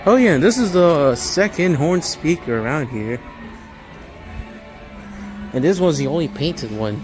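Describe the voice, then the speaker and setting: This vlogger's voice is on the high side, expressive, and a little slow as he narrates a casual walkthrough of a large home improvement store. He thinks aloud in a rambling, observational way, with music from overhead speakers playing in the background.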